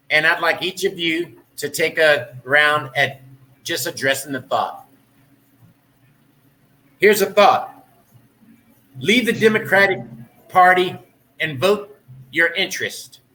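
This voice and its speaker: Man, podcast host, fairly high voice, measured, leads the talk. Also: pushed and bright, poor audio. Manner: measured, steers the discussion. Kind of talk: podcast discussion.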